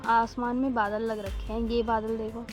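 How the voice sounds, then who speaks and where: Young woman rambling on her phone vlog, a bit high, throat slightly sore, faint music under. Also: flat delivery, moderate pace. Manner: chatty, rambling, full of fillers. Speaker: vlogger. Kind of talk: casual daily vlog chat. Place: home rooftop, outdoors. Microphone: phone held in hand.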